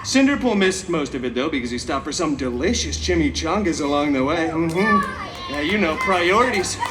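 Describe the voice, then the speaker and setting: In a live theme park stage show, a male performer with a fairly high, animated voice plays a chaotic, cheeky, vain masked antihero, speaking naturally at a moderate pace. He tells his story theatrically to the audience, dropping sassy, mock-sweet asides. The amplified performance was recorded from the crowd, so it sounds distant and is mixed with audience noise.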